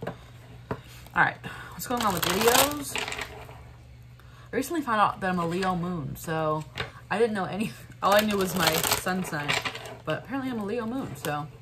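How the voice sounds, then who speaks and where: A woman's voice: mid-range voice, lively intonation, unhurried, pauses often, very noisy. A woman giving a casual tarot reading, chatty and thinking aloud with fillers and little laughs. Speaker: tarot reader.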